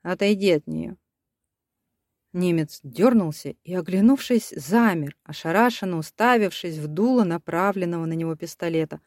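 A woman narrating an audiobook in a steady, expressive reading voice. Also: fairly low pitch, moderate pace, few pauses, no room sound, clean studio sound.

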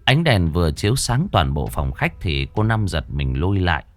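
A man narrating a horror story in a dramatic, expressive storytelling manner. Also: low voice, normal speed.

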